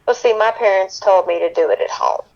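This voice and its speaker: A woman's voice: medium pitch, a little fast, creaky, a little mellow, lo-fi sound. A woman in her twenties from Kentucky, a podcast guest who talks candidly and swears casually. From Kentucky, USA. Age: 20s. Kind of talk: casual chat.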